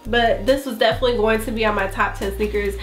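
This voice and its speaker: Sounding stuffed up and nasal from bronchitis, a woman rattles through a casual sneaker review full of filler words. She speaks fast, her slightly high voice fairly even in intonation, while faint music echoes around the room.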